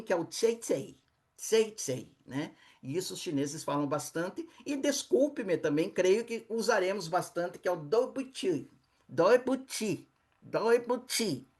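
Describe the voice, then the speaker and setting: A tour leader with a Brazilian Portuguese accent walks a travel group through an online slide lecture. The voice sits in a middle pitch, and the delivery is explanatory and unhurried, with tag questions sprinkled through nearly every sentence. Practice words are repeated slowly so listeners can follow along.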